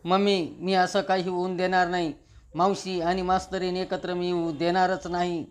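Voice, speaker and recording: A man reading the lines of a cocky young woman who gloats slowly about her scheme. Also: fairly low pitch, little pitch movement, natural voice. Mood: gloating.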